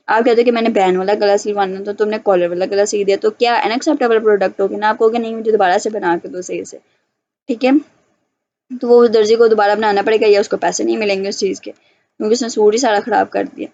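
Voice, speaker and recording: A woman teaching from handout notes, reading English lines slowly and then explaining them in a chatty way with many fillers. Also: mid-range voice, darkish tone, no room sound. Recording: slightly dull lo-fi audio.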